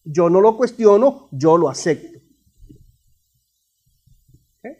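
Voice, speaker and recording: Male pastor, very high voice, lively call-and-response preaching with humor. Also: slow. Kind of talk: sermon. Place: church sanctuary.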